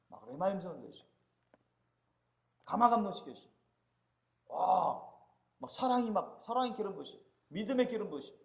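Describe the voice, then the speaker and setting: Male pastor, high and very animated delivery, call-and-response sermon, roomy church acoustics. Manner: preaching with call-and-response questions to the congregation; swings between loud emphatic peaks and quiet low asides. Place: church sanctuary. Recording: echoey church sanctuary.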